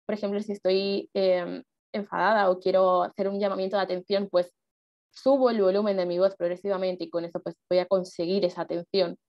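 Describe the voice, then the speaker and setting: A woman's voice: medium pitch, level tone, fairly quick, no echo, highs cut off. A woman giving a workshop on public speaking, explaining casually with fillers and rhetorical questions. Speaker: speech workshop instructor and speech judge.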